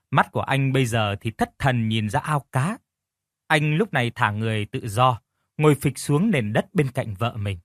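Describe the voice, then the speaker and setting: A man narrating an audiobook story with steady, clearly phrased storytelling. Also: medium pitch, no room sound, studio quality.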